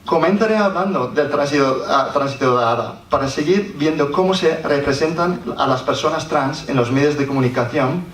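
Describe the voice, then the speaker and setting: A Scottish man, a native English speaker with a Scottish accent, carefully reads a prepared conference talk in his second language, Spanish, often restarting words. His voice is a little high and a bit bright, at normal speed with hardly any pauses. He was recorded in a roomy public hall on a distant mic, with faint noise.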